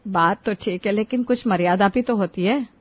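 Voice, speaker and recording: A woman's voice: medium pitch, moderate pace, no echo, dull audio, lightly acted. A woman voicing a strict, easily offended middle-aged mother-in-law with a scolding manner. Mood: indignant. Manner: scolding, stern.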